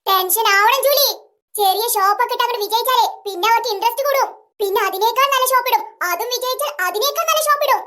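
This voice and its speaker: A haughty, scheming rich madam, as a performer puts her on, in a very high, bright voice that moves fast. She plots and gives orders and sprinkles her speech with English words.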